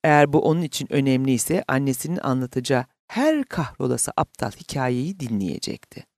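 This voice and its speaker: A man reading a novel aloud as an audiobook narrator, in a measured, steady way. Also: medium pitch, dry recording, clean studio sound.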